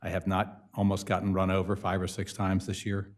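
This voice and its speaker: A committee member giving a casual, plainspoken update at a city meeting, with many uhs. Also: male voice, low voice, monotone, brisk.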